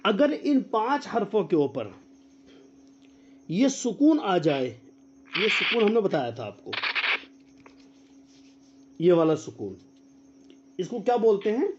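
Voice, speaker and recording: A man with a high, very animated voice leads an online Quran class. He quizzes his students and drills letters slowly. The sound is dull and lo-fi, like a video call. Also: a little hiss or hum. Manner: quizzes students and repeats their answers. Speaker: Quran teacher. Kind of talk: online tajweed lesson.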